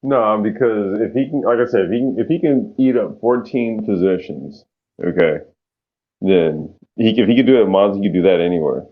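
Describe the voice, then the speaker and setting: A man's voice: fairly low pitch, a little fast, narrow, tinny audio. A man co-hosting a casual car talk show, blunt and emphatic, swearing casually. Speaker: podcast co-host.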